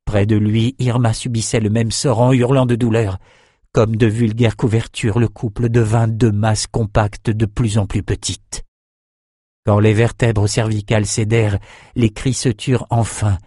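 A man narrating a dark fantasy novel in a steady, even reading voice. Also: lowish voice, measured pace, breathy edge, no room sound, clean studio sound. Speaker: audiobook narrator.

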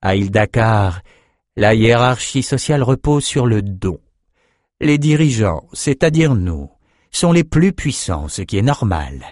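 A suave male sorcerer-ruler speaks in a low, unhurried, flattering way, as a male reader plays him. Close, dry audiobook recording. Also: no echo.

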